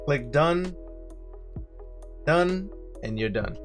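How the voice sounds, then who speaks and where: A man with a Brooklyn accent hosting a casual software tutorial, friendly and walking viewers through each step. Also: fairly high pitch, lively intonation, drawn-out words, soft background music. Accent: Brooklyn New York. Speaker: streaming tutorial host.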